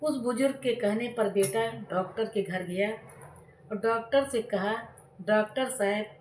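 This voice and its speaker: A woman's voice: a little high, a little mellow, far from the mic, slight background noise. A woman singing devotional refrains and narrating a religious story between the verses. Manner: alternates slow sung refrains with rapid storytelling. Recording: roomy echo with tambourine music.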